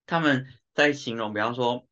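A man's voice: mid-range voice, normal speed, bright, forceful tone. A man with a Taiwanese Mandarin accent chatting casually and explaining with examples, dropping in some Japanese and English words. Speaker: podcast speaker living and working in Japan. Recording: dull, lo-fi audio.

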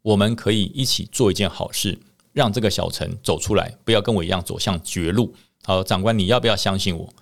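A man voicing the ghost of a young male soldier, speaking softly and earnestly. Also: low-pitched, brisk, creaky.

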